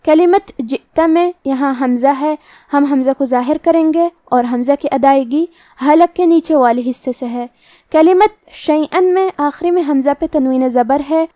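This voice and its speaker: A woman teaching Quran recitation rules step by step in a calm, methodical way. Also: sits high, no room sound, studio quality. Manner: slow drawn-out demonstration of each word. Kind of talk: step-by-step tajweed lesson.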